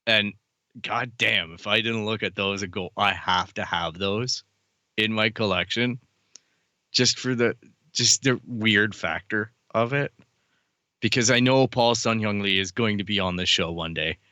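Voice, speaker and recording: A man talks in a low, bright, forceful voice. He chats casually and eagerly, with the odd curse word thrown in, close to a dry mic. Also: moderate pace, no room sound. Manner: animated, swears casually, fan enthusiasm. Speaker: podcast co-host. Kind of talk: casual chat.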